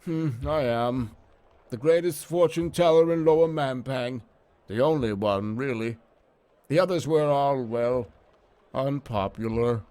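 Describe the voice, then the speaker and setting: A man's voice: medium pitch, measured pace, dark tone, clean tone, close to an everyday voice. A man voicing a squat, ugly, fearful fortune-teller creature in a game, hesitant and evasive, repeating himself plaintively. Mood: sly, apologetic. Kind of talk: game character dialogue read aloud.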